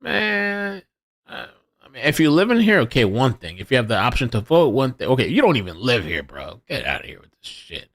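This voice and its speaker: A young man hosting a casual livestream, mocking commenters in a profane, animated rant. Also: mid-range voice, fairly quick. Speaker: livestream host.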